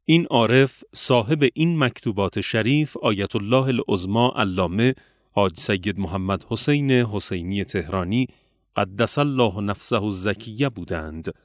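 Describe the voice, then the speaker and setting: A man reading religious memoir passages aloud in a measured, solemn way. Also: lowish voice, no room sound, clean studio sound. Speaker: reader.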